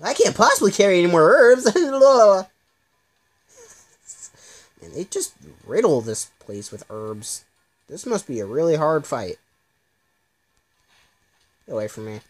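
A woman's voice: lowish voice, very animated, measured pace, long pauses, no room sound. Chatty woman gamer narrating her play. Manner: chatty, self-mocking, talks to the game. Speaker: gameplay streamer. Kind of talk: casual let's-play commentary.

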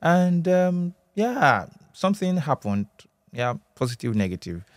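A Nigerian man in his thirties presenting business news, walking through figures in a steady studio chat. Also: fairly high pitch, a little slow, no room sound. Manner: steady, chiming in with short agreements. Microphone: studio mic on boom arm.

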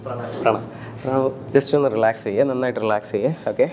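A man performing mentalism for people on the street, talking in a calm, coaxing way and repeating soothing instructions. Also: medium pitch, fast, a little hiss or hum. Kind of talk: street performance patter with spectators. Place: outdoors in public.

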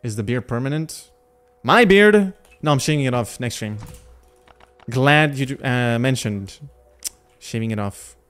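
A man streams a game, thinking out loud and talking to his chat in a relaxed, chatty way. His voice sits at a middling pitch, with faint game music playing behind him. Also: a little slow, smooth. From Lithuania. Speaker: gaming livestreamer. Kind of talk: casual gameplay commentary.

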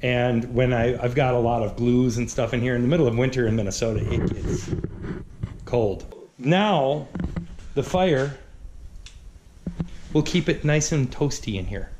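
A woodworking channel host in his thirties talks upbeat and chatty while working in a large garage shop, captured by an action camera on his body or nearby. His medium-pitched, slightly mellow voice moves at a measured pace with frequent pauses. The garage echoes, music plays behind him, and there's slight background noise.

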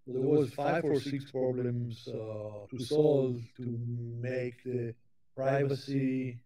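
A man speaks at a leisurely, unhurried pace, delivering a technical keynote lecture to a conference. His voice is dark and mellow. He often stops and restarts, repeating small words as he gathers his next point. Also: mid-range voice, fairly even intonation.

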